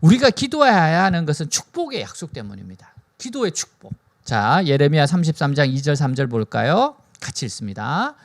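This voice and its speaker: Guy pastor preaching, high voice that swoops all over, keeps firing questions at the crowd. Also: brisk. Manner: animated preaching, frequent rhetorical questions to listeners. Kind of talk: sermon.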